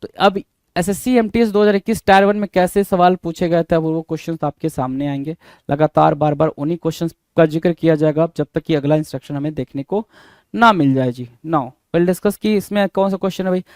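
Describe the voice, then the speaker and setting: A man's voice: a little high, brisk, darkish tone, no room sound. Man teaching spelling, dry close sound. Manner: spells words letter by letter, asks and answers his own questions. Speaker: English vocabulary teacher. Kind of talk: spelling lesson.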